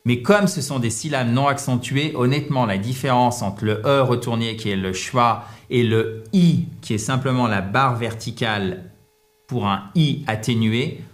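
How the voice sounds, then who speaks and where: Male English teacher, lively and teasing, mid-range voice. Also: medium pitch. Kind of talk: explaining pronunciation in French.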